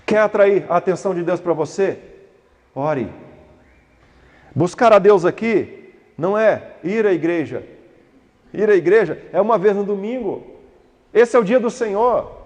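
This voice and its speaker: High-voiced pastor in a reverberant hall. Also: male voice, lively intonation, measured pace, pauses often, a little mellow. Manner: acts out prayers and dialogues, rising to fervent pleading. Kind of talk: sermon.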